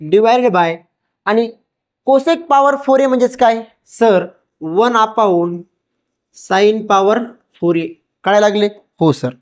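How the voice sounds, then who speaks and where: A woman teaches maths. She goes slowly, step by step, as if explaining to a child. She is patient and reassuring, using pet names and stopping often to ask whether it is understood. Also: fairly high pitch, a little mellow.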